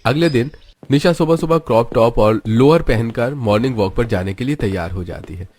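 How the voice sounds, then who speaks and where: A man giving scripted narration for an animated story in a steady manner. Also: medium pitch, moderate pace.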